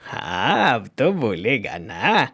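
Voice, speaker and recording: A man doing a sly, low-voiced village schemer. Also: huge pitch swings, gravelly, fairly bright tone, husky, heavily acted. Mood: coaxing. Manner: low, slow, coaxing. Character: scheming middle-aged village merchant, sly.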